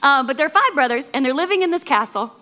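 A woman guest preacher telling a story in a sermon, lively and chuckling often. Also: sits high, quick pace.

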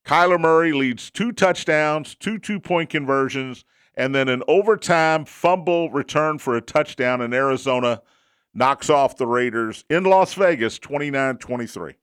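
A man's voice: on the high side, a bit bright, clean tone, no echo. Male sports radio host, dry studio sound. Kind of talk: solo sports radio monologue with sponsor reads.

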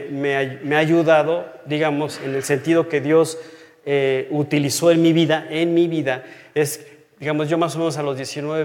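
A man, in his thirties or older, teaching from the Bible in a personal, conversational way. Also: on the high side. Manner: earnest and personal, drops to a hush on key phrases. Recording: long hall reverb.

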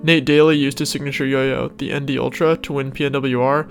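A man's voice: mid-range voice, little pitch movement, brisk, soft background music. A man reading a scripted sponsor ad in an upbeat, enthusiastic way. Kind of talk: scripted ad read.

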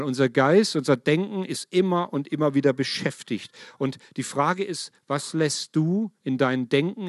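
Guy preaching a sermon, lively and emphatic, kinda high voice, dry sound, talks right to the crowd. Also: no echo. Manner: lively, emphatic, addresses congregation directly.

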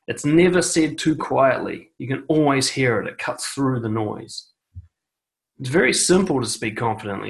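In this poorly recorded video, a male YouTube confidence and dating coach delivers advice on speaking with confidence while sitting indoors. He has a mid-range voice and a measured pace, stopping often on a quiet "okay" and repeating words for emphasis in his direct-to-camera monologue.

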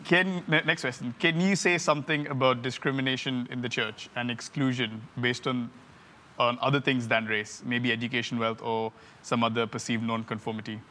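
A man who grew up abroad, asking questions and commenting in a reflective church panel discussion in a quick, direct way. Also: mid-range voice, fairly even intonation, bright, forceful tone, a little hiss or hum. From grew up in another country.

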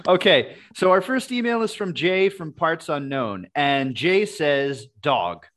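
A man co-hosting a podcast in casual chat, reading listener emails in a dry, deadpan way and tripping over words. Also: a little high, a little slow.

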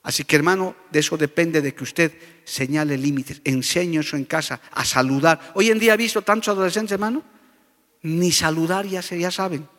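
A man's voice: a little high, a little fast, a bit bright, in a large hall. A middle-aged man preaching a sermon as a pastor, fervent and often addressing his listeners as brothers.

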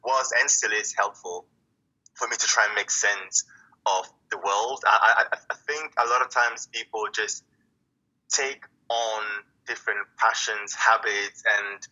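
Reflective man with a bright, husky voice. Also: on the low side, steady tone, dull audio. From Italy. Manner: reflective, halting, many restarts and fillers. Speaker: poet guest. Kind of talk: casual interview talk.

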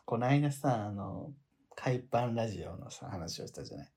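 A man in his thirties co-hosting a relaxed podcast. His voice moves around a lot in pitch as he chats. He laughs often, pokes fun at himself, and slips into feminine speech forms. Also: normal speed. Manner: laughs often, self-deprecating. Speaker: podcast co-host. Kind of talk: casual chat.

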